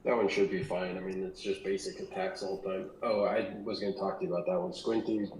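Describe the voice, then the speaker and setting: A man's voice: low voice, little pitch movement, fast, darkish tone. A man chatting casually over voice chat about a game, his voice bouncing around an echoey, bathroom-like office. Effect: echoey, bathroom-like room sound. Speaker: fellow gamer on a livestream. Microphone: voice chat mic, played through speakers.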